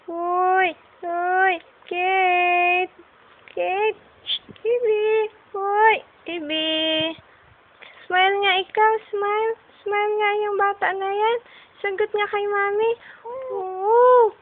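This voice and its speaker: A woman's voice: extremely high pitch, steady tone, drawn-out words. Woman cooing baby talk, tinny lo-fi audio. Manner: coaxing, playful, calls out to the baby. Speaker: mother filming her baby. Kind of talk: home video baby talk. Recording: tinny lo-fi home video.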